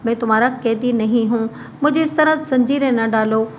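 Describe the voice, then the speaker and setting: A woman voicing a stubborn young man who answers his mother with defiant, measured words. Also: on the high side, lightly acted. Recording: muffled with faint background hiss.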